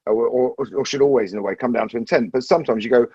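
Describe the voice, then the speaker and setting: A man in a casual podcast discussion, thinking out loud and circling back to restate his points. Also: mid-range voice, rapid-fire, husky, no room sound, lo-fi sound. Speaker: podcast panelist.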